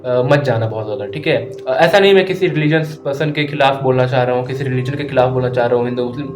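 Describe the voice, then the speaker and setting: A man's voice: mid-range voice, fast, roomy sound. A tired, sleepless man giving an earnest, casual motivational talk, mixing English into Hindi and often checking in with his listeners. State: tired and sleepless, tongue stumbling. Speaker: self-improvement vlogger.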